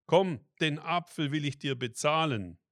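A man doing Martin, a high, kindly helper. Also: unhurried, no room sound, studio quality. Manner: raised, bright pitch, calling out. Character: kindly helpful man Martin, warm-hearted and eager.

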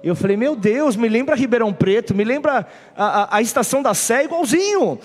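A man's voice: very high voice, fairly quick, in a large hall. A man with a Brazilian Portuguese accent, a pastor telling a funny story in a sermon. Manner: humorous animated storytelling.

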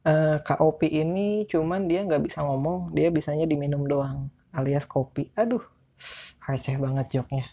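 Mellow Jakarta man who can't roll his r's. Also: fairly high pitch, steady tone, moderate pace, dull audio, slight background noise. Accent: Jakarta Indonesian. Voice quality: speech impediment on r, cannot roll his r's. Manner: informal, rambling, self-deprecating. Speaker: podcast host. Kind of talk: casual solo podcast chat.

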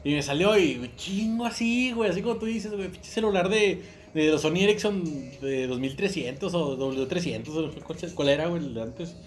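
A man's voice: fairly high pitch, lively intonation, fairly quick. A young man with a Mexican accent in casual podcast chat, joking and saying "güey" constantly.

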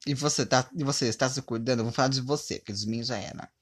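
A woman's voice: rumbling low, rapid-fire. A woman, ranting dramatically and in exasperation in a comedic phone-call sketch.

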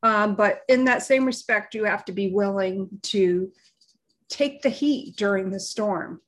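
A woman with a mid-range voice co-hosts a live show and podcast, sharing unscripted opinions. She talks in a halting, deliberate way, pausing as she searches for the right words.

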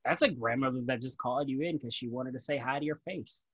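Guy hosting a podcast, chatty and informal, mid pitch, super dry close sound. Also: quick pace, a bit bright, breathy edge, dry recording. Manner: informal, self-deprecating, swearing. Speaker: podcast host. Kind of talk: casual chat.

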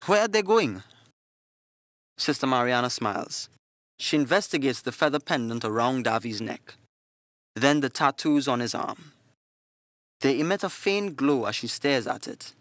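A man reading a scripted story in a steady, descriptive narrating manner. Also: medium pitch, normal speed, dry recording, studio quality.

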